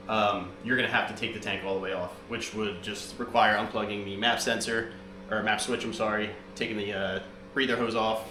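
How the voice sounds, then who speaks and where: A man with a nasal, congested voice from being sick, calmly walking through a repair step by step with frequent ums and uhs. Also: lowish voice, a little hiss or hum. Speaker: mechanic demonstrating a repair. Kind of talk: casual how-to demonstration.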